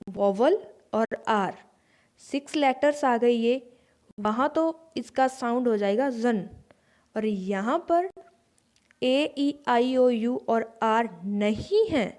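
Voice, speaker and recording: Woman teacher, slow patient explaining, slightly high voice, repeats words. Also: a little mellow. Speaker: English pronunciation teacher. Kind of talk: explaining to students.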